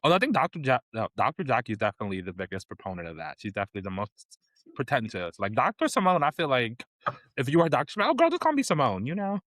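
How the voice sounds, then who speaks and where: A man co-hosting a casual podcast, his pitch swinging widely as he talks. He recaps with frequent laughs and a playful tone. The recording is dry and close to the mic. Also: very animated, fast, a bit bright, no room sound. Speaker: podcast co-host. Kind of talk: casual chat.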